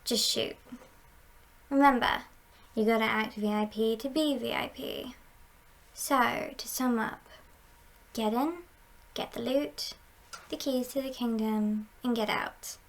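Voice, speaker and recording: A woman playing a confident, scheming female heist boss in an ASMR role-play, speaking in a measured, playful and conspiratorial way with a creaky voice. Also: fairly high pitch, fairly even intonation. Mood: conspiratorial, commanding.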